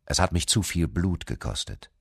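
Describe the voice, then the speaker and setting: A man's voice: low voice, expressive, moderate pace, fairly bright tone, breathy edge, no echo, studio quality, voice pushed down, exaggerated voice. A man reading a stern, threatening Viking father. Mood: secretive. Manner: harsh, commanding. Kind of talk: dramatic reading.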